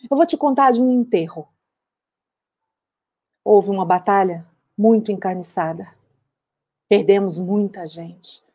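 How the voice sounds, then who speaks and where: An actress playing an older woman war veteran who recounts her memories in a measured, reflective dramatic monologue. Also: mid-range voice, mellow, lightly acted.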